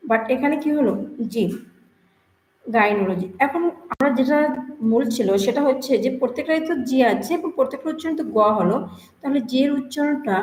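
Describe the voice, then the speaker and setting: A woman's voice: high voice, darkish tone. Patient woman teacher in an echoey room. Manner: explains slowly, repeats words, asks rhetorical questions. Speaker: English teacher. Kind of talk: classroom grammar lesson. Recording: echoey room with faint hiss.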